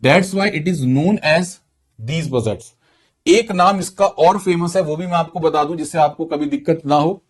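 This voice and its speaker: A man's voice: a little high, a little slow. A man giving an exam-prep lecture, often repeating key points and quizzing his students while mixing English terms into Hindi. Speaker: teacher.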